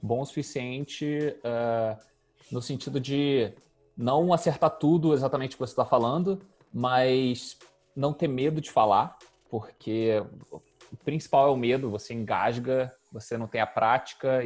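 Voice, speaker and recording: A man's voice: mid-range voice, normal speed, faint music behind. A man, a guest speaking in a casual interview and thinking aloud as he goes. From Rio de Janeiro, Brazil. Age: 30s. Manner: relaxed, thinking aloud with fillers. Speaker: guest, UX designer.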